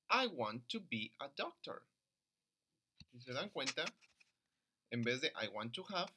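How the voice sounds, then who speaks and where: Male primary teacher, unhurried, animated pitch, clear syllable drills for children. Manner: slow, drills pronunciation by repeating words; stresses syllables for children to repeat. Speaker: primary school English teacher. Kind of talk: recorded lesson for young children.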